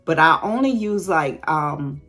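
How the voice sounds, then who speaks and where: A woman's voice: sits low, lively intonation, measured pace, fairly bright tone, soft background music. A woman in her late fifties chatting candidly and laughing often as she answers viewer questions in a casual vlog. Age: late 50s. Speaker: YouTube host.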